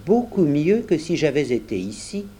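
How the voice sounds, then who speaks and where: A man doing a gentle, polite old gentleman. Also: a little high, moderate pace, husky. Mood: courteous. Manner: soft, courteous, calm. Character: slim grey-haired polite old gentleman.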